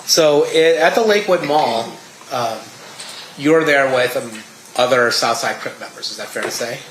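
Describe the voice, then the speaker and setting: An American man speaks as a lawyer questioning a witness, in a mid-range voice. His questions come haltingly and deliberately. The room is echoey, with faint noise behind. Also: medium pitch, fairly bright tone. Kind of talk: courtroom examination.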